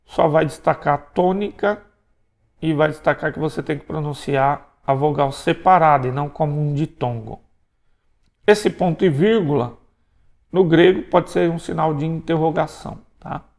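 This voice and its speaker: A man from Brazil teaching Greek pronunciation in a recorded lecture, explaining step by step and checking in with quick tag questions. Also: a little high, gravelly, a little mellow.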